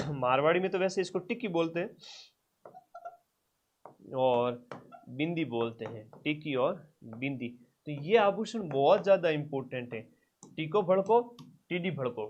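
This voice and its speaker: A male teacher giving an exam-prep lecture. He repeats terms slowly for students to write down, and his loudness and distance from the mic keep changing. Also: expressive, slight background noise. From Rajasthan. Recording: dull low-fidelity classroom recording.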